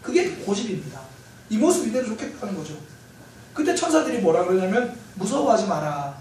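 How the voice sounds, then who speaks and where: A man preaching a Sunday sermon as pastor, telling stories in a lively way with light humor. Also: sits high, fairly quick. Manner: lively storytelling with self-corrections and light humor. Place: church sanctuary. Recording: very echoey church hall, mic far off, faint hiss.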